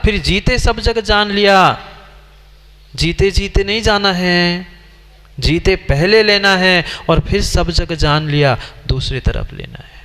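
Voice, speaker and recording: A man's voice: high voice, slow, fairly bright tone. A man, a Jain monk, giving a sermon who questions and scolds his listeners as he teaches. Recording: long hall reverb.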